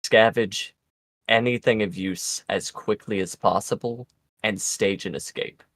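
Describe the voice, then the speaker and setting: A shrewd, commanding adventurer, acted out by a man, gives secret orders in a tabletop game. The voice is low and dry, the phrasing formal, deliberate and conspiratorial. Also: a bit bright, dry recording. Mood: secretive, grave.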